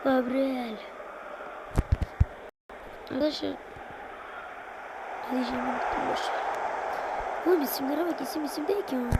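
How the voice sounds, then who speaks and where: A teenage boy with a high voice talks over his football video game, calling out players' names and swearing when the game goes wrong. His commentary is casual and excitable. A loud noise bed sits under his voice throughout the recording. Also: moderate pace, long pauses. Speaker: gaming vlogger.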